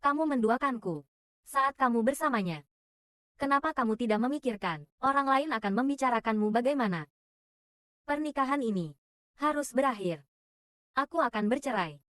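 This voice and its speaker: A woman's voice: a little high, expressive, normal speed, pauses often, fairly bright tone, no echo, clean studio sound. A woman dubbing a weary older wife who feels used by her family, speaking reproachfully. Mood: aggrieved. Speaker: dub voice. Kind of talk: dubbed drama dialogue.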